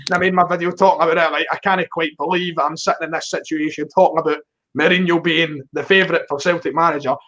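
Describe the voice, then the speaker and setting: A man's voice: a little high, fairly even intonation, fast talker, pushed and bright, muffled recording. A man with a broad Glaswegian Scottish accent in a casual, rambling football discussion, often repeating words as he starts. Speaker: football fan guest on a live stream.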